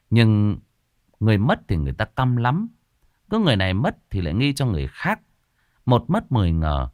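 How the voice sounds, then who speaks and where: Casting: male storyteller for a horror audiobook, low voice with lively pitch swings, dry close recording. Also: no room sound. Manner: dramatic storytelling, varied delivery. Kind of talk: ghost story narration.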